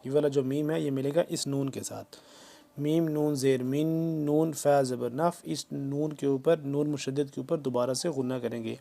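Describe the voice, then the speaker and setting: A man teaching Quran recitation, drawing each verse out slowly, then explaining pronunciation rules in quick plain speech. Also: medium pitch, fairly even intonation, vocal fry, mellow. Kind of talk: tajweed lesson, slow word-by-word recitation.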